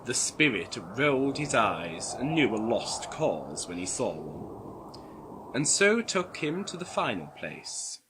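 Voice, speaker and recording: A man's voice: medium pitch, very animated, takes it slowly, background noise. A man narrating a comic parody of a classic story in a playful mock-Victorian manner.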